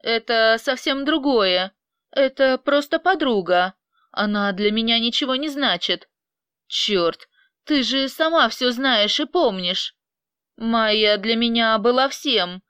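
A woman's voice: fairly high pitch, animated, slow pace, fairly bright tone, clear, resonant tone, no echo. Possessive man read by a woman, menacing, insistent, dry close sound. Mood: pleading. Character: possessive, obsessive man, controlling and cold.

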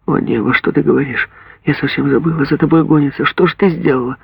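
Man playing a distraught old recluse mother, raised pitch, husky gravelly voice, swings between rapture and terror, dull lo-fi dry audiobook recording. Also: steady tone, fast, no echo. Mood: frantic.

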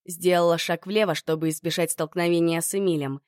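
A woman narrates a first-person audiobook expressively, carrying the emotion of the story. Her voice sits on the low side for a woman. The recording is close and dry, with no room sound. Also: steady tone, fairly quick, darkish tone, no room sound.

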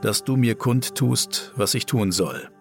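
A man's voice: mid-range voice, unhurried, vocal fry, soft background music. A man reading the part of a troubled ancient king who pleads for help. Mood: pleading.

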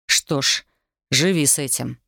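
Female narrator doing a brooding young guy, low and curt, audiobook. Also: a little slow, gravelly, pushed and bright, no room sound, clean studio sound, exaggerated voice. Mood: defensive. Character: young man, defensive and brooding.

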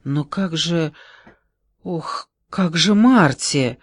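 Man voicing a flustered gentle giant. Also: fairly high pitch, no room sound. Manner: slow, hesitant, breathless delivery.

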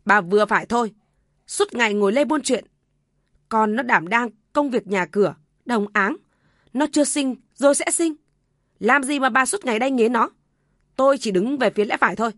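A woman's voice: on the high side, fairly even intonation, a little fast, vocal fry, few pauses, darkish tone, no room sound, studio quality. Woman voicing a stern gray-haired father. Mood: stern anger. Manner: stern, commanding.

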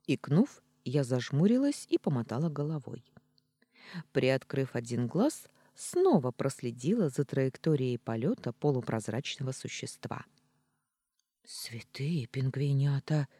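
A narrator reading a fantasy story aloud, slow and unhurried, with a lively, shifting pitch. The voice is warm and mellow, close to the mic in a dry room. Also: breathy edge, no echo. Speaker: audiobook narrator. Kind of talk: first-person storybook narration.

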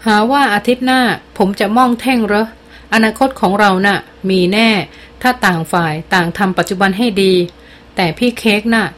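In an audiobook, a cocky teenage boy, as a woman reads him taunts and needles with a sarcastic edge. The voice sits at an ordinary middle pitch. He pushes his point without backing down. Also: normal speed, fairly bright tone, natural voice. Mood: insistent. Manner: mocking, provoking. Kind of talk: audiobook character voice.

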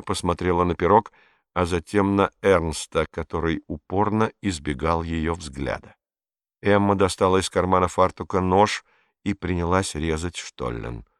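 A man narrating an audiobook in a calm, measured reading voice. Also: sits low, dry recording, studio quality. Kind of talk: scripted narration.

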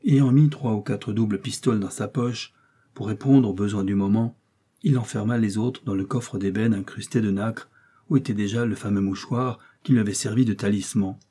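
A man reading a classic novel aloud in a measured, even storytelling manner. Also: lowish voice, husky. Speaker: audiobook narrator. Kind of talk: scripted narration.

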